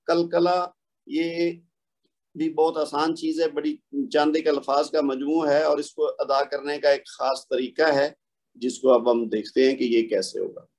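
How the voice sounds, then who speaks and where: A man with a slightly high voice teaches a recitation lesson. He explains each rule patiently, asks a question and answers it himself, and sounds out examples slowly. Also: little pitch movement, darkish tone. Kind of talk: tajweed lesson, explaining and modeling pronunciation.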